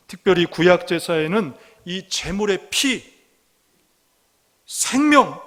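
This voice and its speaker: A man preaching a Sunday sermon as pastor, earnest, asking rhetorical questions and slowing down to read scripture aloud. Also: on the high side, a bit bright. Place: church sanctuary. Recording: long reverb of a church hall.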